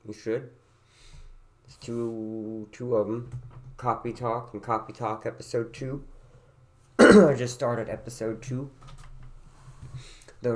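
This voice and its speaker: A tired man in his thirties talks casually to the camera in a light West Virginia country accent. He rambles and meanders, pokes fun at himself, and drifts into repeating his words. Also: mid-range voice. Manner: meandering and self-deprecating, trails off into repeated words. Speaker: vlogger.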